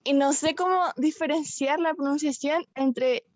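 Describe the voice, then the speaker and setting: A woman's voice: high voice, measured pace, dry recording. A woman student on a video call, hesitantly asking her teacher a question and searching for words.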